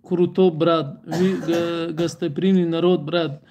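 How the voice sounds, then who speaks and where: High-voiced Tajik man, joking livestream chat. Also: little pitch movement, slow, dark tone, slight background noise. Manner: joking, speaks broken Russian in short repetitive bursts. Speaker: livestream host. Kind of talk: casual livestream chat with viewers.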